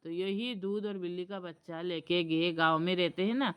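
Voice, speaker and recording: A woman's voice: on the low side, fairly even intonation, moderate pace, clean tone, muffled recording. A woman vlogger casually telling a folk story, hesitant and full of fillers and restarts.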